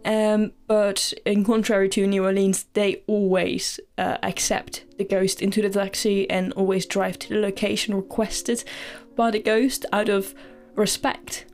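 A woman's voice: medium pitch, flat delivery, unhurried, darkish tone, soft background music. A woman hosting a storytelling podcast, earnest and hesitant, with many fillers and restarts. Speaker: podcast host.

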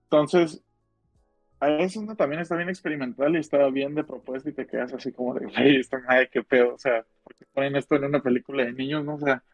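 A man's voice: mid-range voice, steady tone, fast talker, a little mellow, no echo, soft background music, rough recording. A man with a northern Mexican accent chatting casually in slang as a podcast co-host, rambling and repeating his phrases. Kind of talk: casual slangy chat about films and music.

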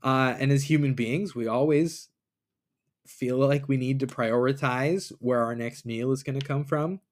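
A man's voice: medium pitch, fairly even intonation, measured pace. A man hosting a podcast, thinking aloud in a casual, reflective monologue and retelling scripture in everyday words, recorded on a computer mic. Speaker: podcast host. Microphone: computer mic, recording in a browser app.

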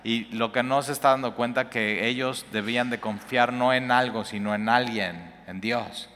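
A man's voice: medium pitch, steady tone, moderate pace, fairly bright tone, a little hiss or hum. A man teaching a Bible passage, reading verses aloud and explaining them in a conversational way. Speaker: preacher. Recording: long hall reverb.

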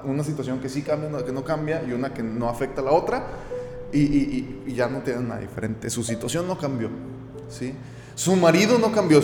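A man preaching a sermon, animated and often checking in with his listeners by asking "right?". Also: on the high side. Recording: echoey hall with long reverb.

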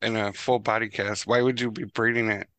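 A man co-hosting a movie podcast in casual chat, speaking haltingly and restarting his questions. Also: on the low side, level tone, fairly bright tone, smooth, no echo. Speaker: podcast co-host.

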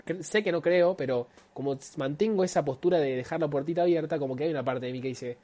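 Man, podcast co-host, rapid-fire, slightly high voice, joking, excitable. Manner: joking, excitable, laughs often. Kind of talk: casual banter among friends.

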